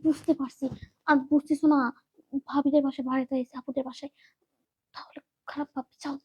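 A woman acting a nervous young girlfriend in a skit, anxious and hushing, pleading in low tones. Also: fairly even intonation, fairly quick. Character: nervous young girlfriend hiding her lover.

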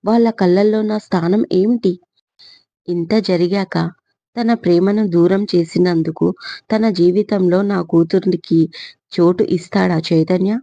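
A woman's voice: lowish voice, fairly even intonation, a little slow, mellow, no room sound. A woman voicing an anxious middle-aged mother, speaking in a frantic, pleading way. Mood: anguished. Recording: slightly dull lo-fi recording.

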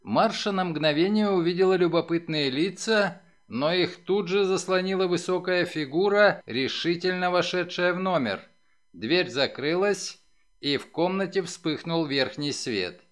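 A man narrating a novel as an audiobook, in a dramatic, expressive reading. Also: high-pitched, measured pace. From Ukraine. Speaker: audiobook reader.

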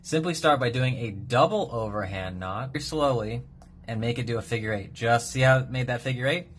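A man's voice: mid-range voice, faint music behind. Upbeat man teaching fishing knots. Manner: upbeat, brisk instructional. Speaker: fishing knot instructor. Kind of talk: step-by-step tutorial. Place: indoors at a kitchen sink.

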